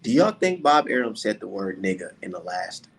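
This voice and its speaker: A man's voice: on the low side, sing-song, moderate pace, husky. A man in his twenties hosting a casual podcast chat, brash and cussing, getting fired up. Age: 20s. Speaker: podcast host.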